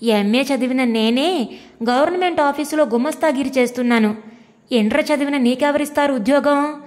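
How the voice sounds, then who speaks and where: A woman's voice: high-pitched, moderate pace, darkish tone, long reverb tail, lightly acted. A woman reading the part of a mocking husband who scolds his wife with sneering contempt. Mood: scornful. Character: scornful, mocking husband, a grown government clerk.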